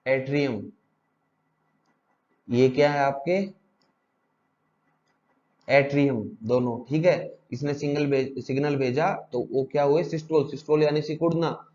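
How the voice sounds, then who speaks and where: Male teacher, mellow tone, muffled lo-fi audio; drills terms with repeated questions. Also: mid-range voice, steady tone, unhurried, pauses often. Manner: repetitive drilling with rhetorical questions. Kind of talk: exam-prep lecture.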